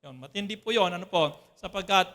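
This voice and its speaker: Bright high-voiced man preaching. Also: expressive, a little fast. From Philippines. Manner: conversational preaching with frequent "ano po" checks to the congregation. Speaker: pastor. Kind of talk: sermon. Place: church.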